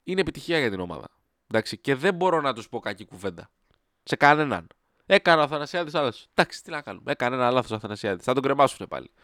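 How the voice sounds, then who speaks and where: A man's voice: medium pitch, very animated, a bit bright, no room sound, studio quality. A man hosting a solo football podcast, talking in a heated, sarcastic rant with his voice jumping up when riled.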